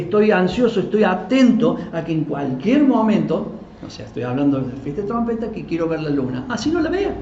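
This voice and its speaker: A man who is a pastor, giving a live Bible teaching in a conversational, animated way and acting out quoted voices. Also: sits high. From Argentina. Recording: roomy, dull live recording with faint noise.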